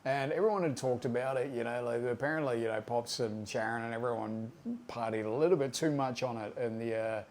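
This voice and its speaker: Aussie guy in his 50s rambling thru a story, casual and sweary, mid-pitched ordinary voice. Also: brisk, darkish tone, a little hiss or hum. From Australia. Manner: laid-back, profane, conversational with fillers. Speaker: tattoo artist storyteller.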